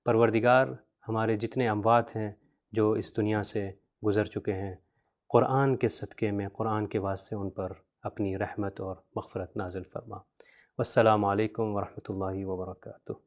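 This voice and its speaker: A man teaching beginners to read, spelling out letters and vowel marks slowly, repeating each word and mixing in English terms. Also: fairly low pitch, little pitch movement. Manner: mixes English words into his teaching. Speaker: Quran reading teacher. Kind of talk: spoken lesson.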